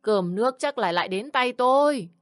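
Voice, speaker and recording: A woman's voice: fairly low pitch, lively intonation, normal speed, no echo, studio quality, close to an everyday voice. A woman voicing a bossy, contemptuous older mother-in-law who scolds and sneers. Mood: ranting.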